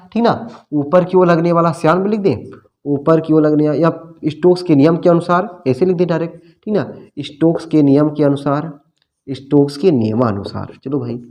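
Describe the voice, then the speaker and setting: A man's voice: on the high side, darkish tone. A man teaching a physics class in a friendly, colloquial way, asking questions and answering them himself while he writes. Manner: asks questions and answers them himself, repeating key terms; friendly and colloquial, calls students "bhai" and "babu". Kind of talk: classroom-style lecture at a board.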